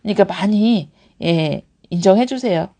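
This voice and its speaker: A woman's voice: medium pitch, expressive, normal speed, warm tone. A woman running an English academy, talking casually to parents on a live stream and often laughing as she acts out examples. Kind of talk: live-stream talk answering parents' questions.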